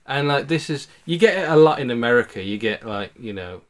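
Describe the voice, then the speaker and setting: A man co-hosting a podcast, pitching ideas in jokey, playful banter. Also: lively intonation, fairly quick. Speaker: podcast co-host. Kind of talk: casual chat.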